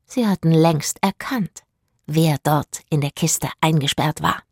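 Brief: audiobook narrator, expressive, lowish, dry studio voice. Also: female voice, measured pace, husky, no echo. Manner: expressive storytelling.

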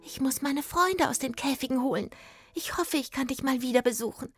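Woman voicing a tiny, frightened storybook fairy girl, high and breathless. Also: a little fast, a bit bright, faint music behind. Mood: grateful. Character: small frightened female fairy.

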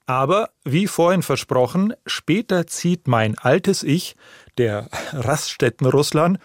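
A man narrates his podcast from a studio, and the sound is close and dry. He talks directly to the listeners in a relaxed, chatty tone. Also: mid-range voice, no room sound. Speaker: podcast host. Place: recording studio.

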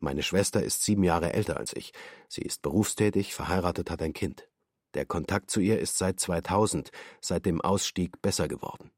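Guy voicing a quiet defendant in a radio drama, low husky voice, short clipped sentences, dry sound. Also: moderate pace, no echo. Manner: clipped, terse testimony. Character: male defendant in his thirties, subdued and matter-of-fact. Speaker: voice actor. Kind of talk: documentary radio drama reading.

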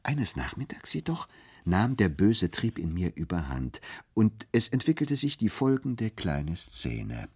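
A man giving a measured, expressive first-person narration of a literary story. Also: deep voice, vocal fry, slightly rough. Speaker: audiobook narrator.

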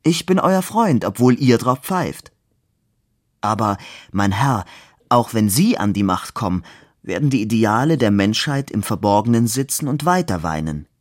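A man reading aloud as an ironic young man who argues calmly and sardonically. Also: on the low side, no echo, clean studio sound. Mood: earnest. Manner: measured, reasoning, wry. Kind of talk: literary reading.

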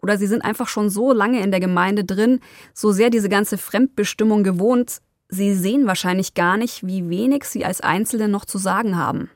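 A woman narrating a documentary podcast as its host, in a calm storytelling manner with occasional personal asides. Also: medium pitch, moderate pace, no echo, clean studio sound.

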